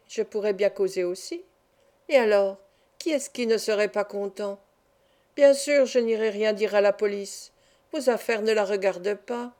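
A woman's voice: a little high, warm tone, close to an everyday voice. A woman reading an audiobook and voicing a sly, cruel master of children who talks in a honeyed, mocking way. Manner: honeyed, mocking, with sudden threats. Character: sly, cruel middle-aged man, a child-exploiting master.

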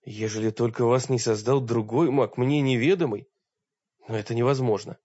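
A man voicing a furious old wizard with a shouting, raging manner. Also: medium pitch, steady tone, moderate pace, no room sound, muffled recording, lightly acted. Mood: bewildered. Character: furious old male wizard, fiery-tempered.

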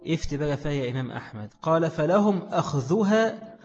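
A man's voice: fairly high pitch, animated, fast talker, darkish tone. Egyptian guy teaching religion, keeps asking the class questions, muffled and echoey. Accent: Egyptian Arabic. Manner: questions students constantly. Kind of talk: religious lesson, explaining a text. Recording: long hall reverb, muffled sound.

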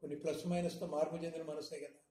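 A man giving a spiritual discourse, teaching with frequent rhetorical questions in a measured, emphatic manner. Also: on the high side, level tone, warm tone. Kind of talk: satsang discourse. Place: hall in Hyderabad. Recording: echoey room, faint noise.

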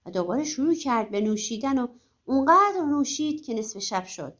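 A woman reads a folk tale aloud in a lively, animated storytelling style. Her voice is high and clear. She narrates for an audiobook.

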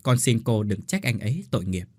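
Male narrator as a gentle young wife, apologetic and soft. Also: fairly low pitch, big pitch swings, a little fast, husky, no room sound.

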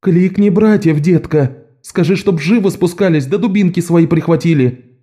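A man voicing a loud, bossy old woman shopkeeper who scolds and comforts in a storybook. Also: normal speed, natural voice. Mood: alarmed. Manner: bossy and booming.

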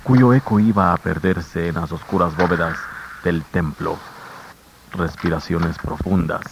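A man narrating a radio drama in a measured, grave storytelling manner, heard as an old radio show broadcast. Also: low-pitched, vocal fry. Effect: old radio show broadcast sound. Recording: muffled old radio recording with faint hiss.

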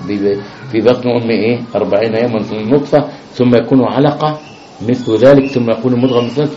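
A man's voice: medium pitch, warm tone. A man teaching religion to a class of new Muslims. He keeps asking the class questions and often starts his sentences over. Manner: repeats questions to the class, many fillers and restarts. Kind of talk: religious lesson. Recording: dull roomy classroom recording with faint noise.

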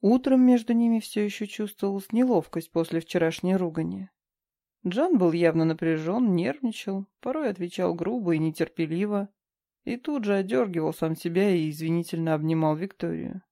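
A woman reading a novel aloud as an audiobook narrator, calm and even. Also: fairly low pitch, normal speed. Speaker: audiobook reader. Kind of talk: scripted narration.

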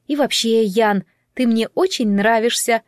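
A woman's voice: mid-range voice, normal speed, darkish tone, no room sound, natural voice. Woman voicing a flustered young sorceress, anxious and pleading, dry close sound. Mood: shy.

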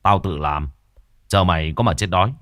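A blunt, mocking young man from a horror audiobook, as the storyteller puts him on, talking in a very low, deep voice. The sound is close and dry. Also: normal speed, fairly bright tone, no room sound. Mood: gruff teasing. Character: gruff teasing young male friend.

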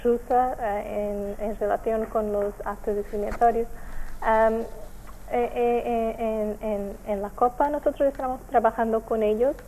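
Portuguese woman, NGO spokesperson, halting fillers, warm mellow tone, faint hiss. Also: fairly high pitch, steady tone, rough recording. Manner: hesitant, many fillers and restarts. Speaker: NGO representative. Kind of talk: remote interview answers.

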